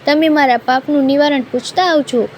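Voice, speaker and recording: A woman's voice: high voice, fairly even intonation, normal speed, darkish tone, slight background noise, natural voice. A woman voicing an unhappy cow in a storybook tale, plaintive. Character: unhappy cow nobody milks.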